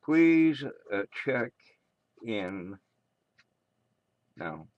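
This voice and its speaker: A man's voice: medium pitch, very animated, extremely slow, no echo, dull audio. A man with an American accent acting as amateur radio net controller, making casual announcements with rambling, muttered asides.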